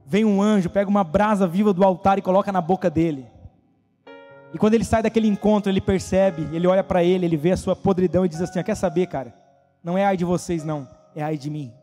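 A man preaching a casual youth sermon, animated and slangy, often acting out quoted voices. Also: high-pitched, fast talker, long reverb tail, faint music behind.

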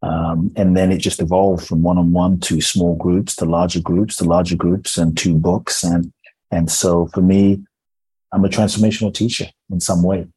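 A man's voice: deep voice, flat delivery, moderate pace, dark tone, breathy edge, poor audio. A man from Ghana who grew up in London, a transformational teacher, speaking earnestly and measuredly as a podcast guest with frequent restarts. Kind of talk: reflective podcast storytelling.

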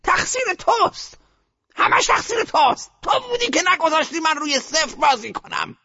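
A man voicing an imperious, frantic old grandmother gambler who shouts commands. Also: extremely high pitch, big pitch swings, highs cut off, voice pushed up, exaggerated voice.

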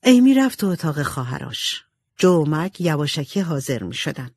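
A woman narrating an audiobook in an expressive storytelling manner. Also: low voice, music in the background. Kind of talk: scripted narration.

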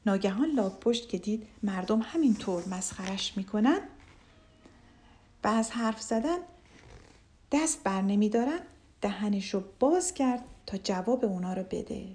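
Woman storyteller for kids, gentle and clear, mellow tone. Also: mid-range voice, lively intonation. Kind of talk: children's story narration.

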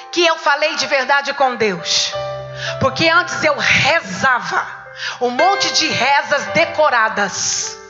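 A high-pitched, middle-aged Brazilian woman delivers a fervent church testimony, acting out voices as she tells her story. The recording sounds muffled, with music playing underneath. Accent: Brazilian Portuguese. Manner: lively storytelling, acting out dialogue, fervent exhortation. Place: church service.

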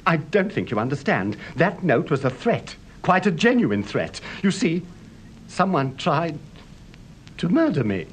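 A flustered, fretful gentleman. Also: fairly high pitch, sing-song, unhurried, poor audio. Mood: shaken. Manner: fretful, melodramatic and breathless. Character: nervous fussy gentleman, shaken after an attack. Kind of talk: 1950s radio drama acting. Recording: old radio play with faint hiss.

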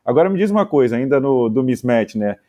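A male interviewer asks his guest questions in an easy, friendly manner. His voice is mellow and warm, at a middle pitch. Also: lively intonation, a little fast. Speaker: interviewer, host.

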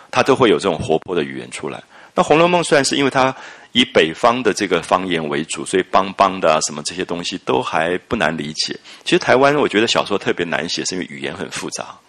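A deep-voiced older man gives a lecture on a classic novel. His very low voice swings up and down in lively sweeps. He speaks in a reflective way, stretching out soft "ah" fillers between his thoughts. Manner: reflective, with many drawn-out "啊" fillers. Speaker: literature lecturer.

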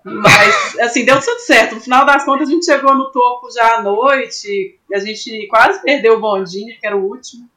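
Bright-voiced Brazilian woman telling climbing stories. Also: on the high side, moderate pace. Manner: animated, laughs often, acts out quoted voices. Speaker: climber guest. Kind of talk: casual interview storytelling.

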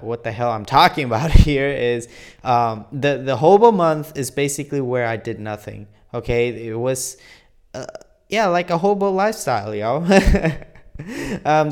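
A man's voice: mid-range voice, clear, resonant tone. A young man vlogging casually, rambling earnestly with many restarts. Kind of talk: casual daily vlog.

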